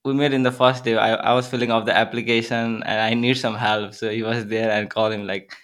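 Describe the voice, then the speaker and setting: A man's voice: on the low side, level tone, brisk, a bit bright, smooth. A young man from Nepal with a Nepali accent, answering interview questions earnestly and searching for words. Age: young adult. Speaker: guest, filmmaker and student.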